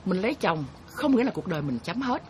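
A woman's voice: mid-range voice, big pitch swings, fast talker, a little mellow, a little hiss or hum. A woman hosting her own show, telling viewers a story in an earnest, chatty way and referring to herself by name. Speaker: host. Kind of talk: casual storytelling talk to viewers.

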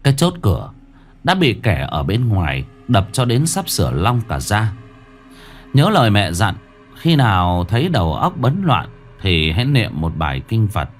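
Low-voiced male horror storyteller. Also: wildly swooping pitch, normal speed, faint music behind. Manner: dramatic, suspenseful storytelling. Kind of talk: scripted horror narration.

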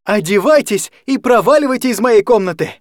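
Male reader doing a raging teen girl from a storybook, pitched way up, shrill and screaming, very loud. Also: big pitch swings, a little fast, dry recording, clean studio sound. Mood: screaming, furious. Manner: screaming, shrill, losing control. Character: furious teenage girl, sixteen, shouting.

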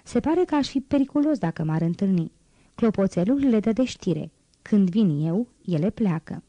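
A devoted old gardener chatters away with a dark, warm tone, as a woman reader puts him on. The reading is close and dry. He sounds humble and eager to help. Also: medium pitch, expressive, no echo, natural voice. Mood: chatty.

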